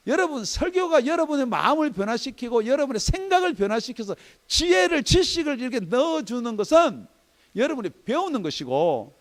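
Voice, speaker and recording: In a church sanctuary, a man delivers an emphatic sermon as pastor, his very high-pitched voice swinging between loud and soft as he poses rhetorical questions.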